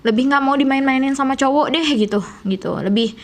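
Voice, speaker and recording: Chatty young woman, soft Sundanese accent. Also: high-pitched, fairly quick. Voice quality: soft, gentle way of speaking. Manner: chatty, rambling, many fillers. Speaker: vlogger. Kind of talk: casual storytelling to camera.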